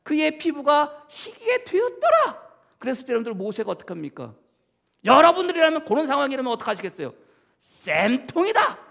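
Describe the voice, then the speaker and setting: A man preaching in a church, his voice pitched very high and edged with a gravelly rasp. He keeps putting questions to the congregation and answering them himself, and his pitch swings widely as he goes from loud emphasis to hushed asides. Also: huge pitch swings, fairly quick. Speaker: pastor. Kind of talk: sermon. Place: church sanctuary.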